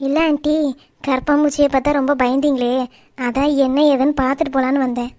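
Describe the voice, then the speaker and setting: A woman's voice: high-pitched, level tone, fast, darkish tone, no room sound, studio quality, natural voice. A woman voicing a bold, fearless young bride-to-be in a cartoon, teasing her elders cheekily. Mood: cheeky. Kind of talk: cartoon voice acting.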